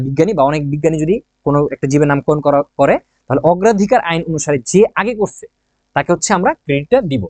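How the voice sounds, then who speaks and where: A quick, slightly high-voiced man runs an exam-prep lesson in a chatty, joking way. He keeps asking his own questions and answering them, and he repeats the key points. His voice is close to the mic in a dry room. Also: a little mellow, no room sound. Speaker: teacher.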